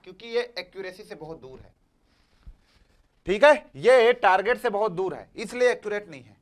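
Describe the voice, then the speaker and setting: His voice sits high and expressive at a moderate pace as he runs through exam material, going over points again and again. He coaxes the class, keeps asking if they follow, and calls them "beta."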